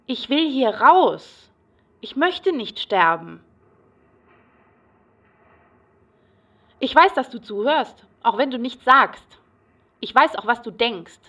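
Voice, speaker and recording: A woman's voice: on the high side, pushed and bright, recorded from a distance, muffled recording, heavily acted. An actress voicing an agitated, paranoid woman psychiatric patient who rambles obsessively in a radio play. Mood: pleading.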